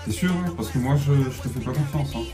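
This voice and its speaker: A man giving excitable gameplay commentary, swearing and yelling at opponents as he plays. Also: medium pitch, brisk, recorded from a distance. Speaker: gamer. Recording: echoey room, voice off-mic, music underneath.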